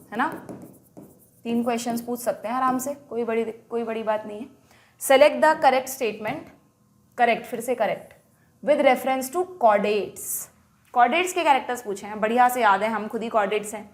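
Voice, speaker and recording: High-voiced Indian woman teaching. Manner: brisk, explains and quizzes students. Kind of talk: exam paper walkthrough lesson.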